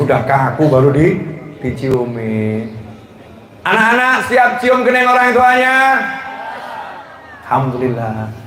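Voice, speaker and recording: A man preaching a lively sermon to a live audience, joking and often rising into laughing shouts. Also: medium pitch. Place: gathering hall with an audience. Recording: roomy hall echo, faint background noise.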